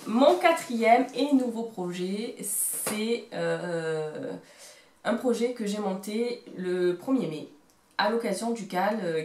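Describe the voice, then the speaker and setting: A chatty woman in her thirties speaks with a Marseille accent, wandering through her thoughts with hesitant pauses and wry jokes at her own expense. Her voice sits at an ordinary pitch for a woman. The room around her adds a noticeable echo. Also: darkish tone. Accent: Marseille French. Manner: rambling, self-mocking, hesitant. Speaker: knitting vlogger. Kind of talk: casual show-and-tell chat. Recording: roomy echo.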